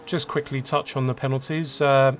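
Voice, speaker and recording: A man's voice: mid-range voice, little pitch movement, normal speed, slight background noise. A man giving casual, chatty commentary on an online racing league, calling positions and penalties. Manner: chatty, laughs along, lists penalties. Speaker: race commentator.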